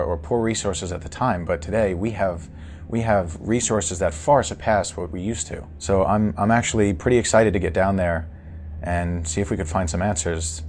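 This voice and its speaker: A man's voice: deep voice, a little mellow. A man playing an eager lead paranormal investigator, earnest and repeating words, in a mock documentary interview. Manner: earnest, stammered word repeats. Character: keen male paranormal investigation leader. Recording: faint background noise, room ambience.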